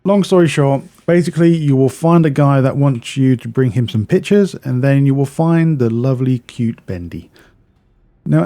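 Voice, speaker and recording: A dark-toned, mid-range male voice walks through a video game, explaining it step by step. The delivery is casual and instructional, with frequent repetitions and self-corrections.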